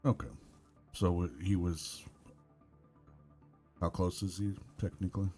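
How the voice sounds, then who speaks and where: A man with a low voice plays in a tabletop game, rambling casually and laughing easily. Faint music sits under him. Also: level tone, measured pace, darkish tone. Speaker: player.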